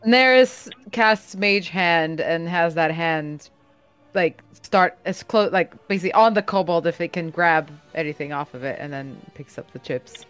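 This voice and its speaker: Clear-voiced woman playing a tabletop game. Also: fairly low pitch, normal speed, fairly bright tone, faint music behind. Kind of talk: casual game chat.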